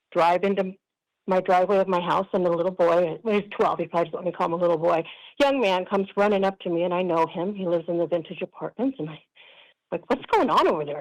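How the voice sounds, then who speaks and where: A woman joins a council meeting by phone or video call from the kitchen at her job to give public comment as a resident. She tells a long, emphatic story in a lowish, somewhat mellow voice, and the audio is poor.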